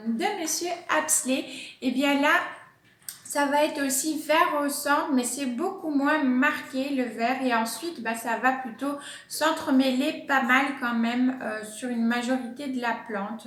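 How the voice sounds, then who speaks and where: High-voiced unhurried woman vlogging at home. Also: fairly bright tone, echoey room. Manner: chatty, hesitant with many fillers. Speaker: plant channel host. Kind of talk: casual explanatory vlog.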